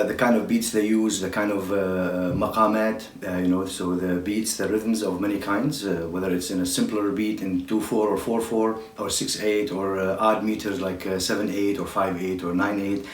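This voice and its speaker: A man from Syria, a drummer giving an informal talk, halting with many fillers. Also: low voice, slight background noise. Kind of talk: informal spoken lecture. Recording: echoey room, distant mic.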